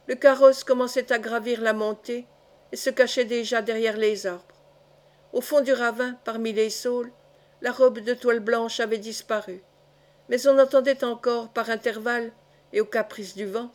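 A woman's voice: a little high, steady tone, normal speed. Woman reading a historical novel aloud. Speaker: audiobook reader. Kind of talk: scripted literary narration.

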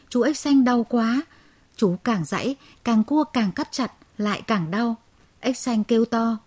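A woman telling a children's fable in a measured, expressive way. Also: on the high side, no echo. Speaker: storyteller. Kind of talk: children's story narration.

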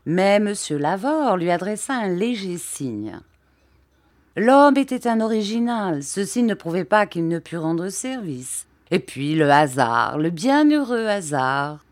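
A woman reading a novel aloud as an audiobook narrator, in a measured, unhurried way. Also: on the low side, sing-song. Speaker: audiobook reader.

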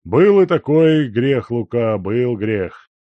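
A man voicing a hoarse, blunt old gray-haired male gold miner who talks coarsely and teases. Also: mid-range voice, sing-song, takes it slowly, no echo, narrow, tinny audio, voice pushed up. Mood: gruff.

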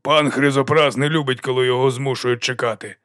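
A man's voice: mid-range voice, fairly even intonation, fairly quick, fairly bright tone, dry recording, studio quality, close to an everyday voice. A man voicing a hulking male troll bouncer who talks bluntly and menacingly.

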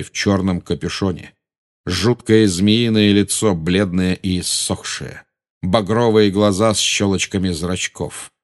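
A man narrating an audiobook with an expressive, dramatic reading. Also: low-pitched.

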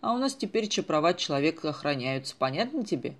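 A man's voice: fairly high pitch, sing-song, quick pace. A man doing a folksy small-town drinker. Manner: folksy, self-important, loud. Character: rustic small-town male drinker, folksy and self-important.

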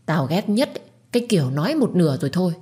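Woman voicing a harsh storybook grandmother: loud, bossy, sharp-tongued. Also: on the low side, very animated, quick pace. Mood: scolding. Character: harsh, scolding old grandmother.

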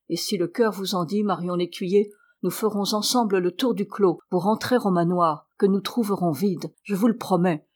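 A woman's voice: medium pitch, darkish tone, lightly acted. A woman reading the part of a sly village man who keeps insisting and needling.

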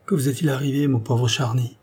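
A man's voice: mid-range voice, steady tone, a little fast, darkish tone, breathy edge, lightly acted. A man voicing an anxious, tender queen who speaks in a pleading, reproachful way.

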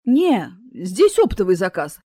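A woman's voice: medium pitch, wildly swooping pitch, slow pace, dark tone, slightly rough, no echo, exaggerated voice. A woman voicing stern, sardonic Death. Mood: dry. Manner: curt, dry and matter-of-fact. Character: stern, sardonic female Death, a weary mentor.

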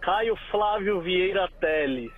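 A man in his twenties calling a radio show over the phone, answering in a relaxed, easygoing way. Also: high voice, slow pace, faint music behind. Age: 20s. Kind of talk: call-in chat. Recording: tinny phone line.

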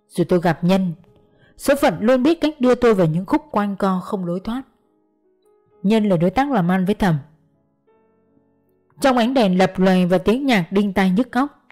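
Calm woman audiobook narrator, dark tone. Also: mid-range voice. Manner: calm, measured storytelling.

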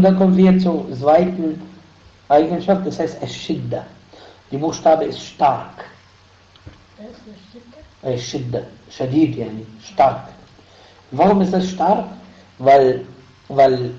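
A man's voice: a little high, mellow. A man teaching a recitation lesson online, explaining patiently and sounding out letters to demonstrate. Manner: switches between Arabic and German in explanation. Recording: roomy, dull online audio.

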